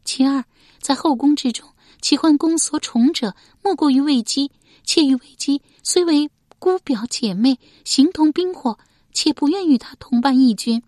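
A woman's voice: sits high, moderate pace, a little mellow, dry recording, clean studio sound, pitched above the performer's own voice, lightly acted. A woman reading an audiobook voices a distressed noblewoman, a widowed lord's wife, pleading tearfully and anxiously. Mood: flustered. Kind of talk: audiobook character voice.

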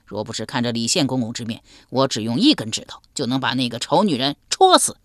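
A woman's voice: very deep voice, big pitch swings, fast, dry recording, studio quality, voice pushed down, full character voice. A woman voicing a confident, blustering middle-aged man. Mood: earnest, assured. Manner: assured, blustering.

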